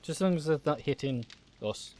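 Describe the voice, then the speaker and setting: Guy chatting through a survival game, keeps laughing, bit higher voice. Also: expressive, brisk, a little mellow. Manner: laughs often, jokey and chatty. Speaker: gaming channel host. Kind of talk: casual let's-play chat.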